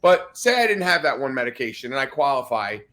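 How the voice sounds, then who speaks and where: A podcast host chats casually with a guest, frequently restarting, repeating himself, and teasing playfully. His medium-pitched voice is quick and a bit bright, with big swings in pitch.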